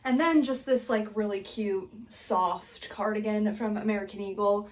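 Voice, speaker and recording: Speaking to the camera with medium pitch and a moderate pace, a young female vlogger chats casually around her home's bedroom and bathroom. Her influencer-style talk is full of "like."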